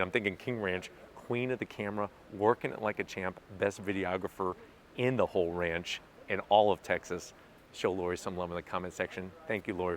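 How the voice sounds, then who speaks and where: A man's voice: deep voice, a little hiss or hum. Upbeat man reviewing a truck. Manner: jokey, playful, upbeat salesman-like patter. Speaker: car reviewer host. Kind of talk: enthusiastic vehicle walkaround. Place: inside a truck at an event venue.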